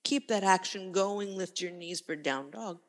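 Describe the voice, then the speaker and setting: A woman with a low voice leads a yoga class as the instructor. She gives calm, unhurried cues in short phrases at a very slow pace, and the sound carries a long reverb. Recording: long reverberant room echo.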